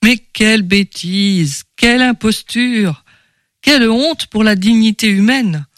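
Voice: mid-range voice, slow pace, a bit bright, no room sound, clean studio sound. A performer voicing an impetuous male journalist in an audiobook, talking in an indignant, scornful way. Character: hot-headed male journalist, scornful skeptic. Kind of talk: audiobook character reading.

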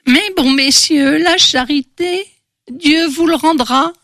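An eerie old beggar woman reading palms in a storybook tale. Her voice climbs high and quavers with a mysterious, prophetic edge. The sound is dry and close. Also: takes it slowly, a bit bright, no echo. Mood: pleading. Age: older.

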